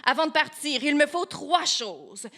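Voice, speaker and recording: A woman's voice: high voice, lively intonation, a little slow, sharp tone, exaggerated voice. A woman voicing a small, brave and cunning male lumberjack. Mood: confident.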